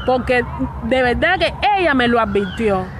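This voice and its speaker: A young Cuban woman with a high, animated voice speaks straight to the camera in an emotional personal video statement as a fired state worker speaking out. She halts, repeats and restarts her words, while loud street traffic runs behind her outdoors.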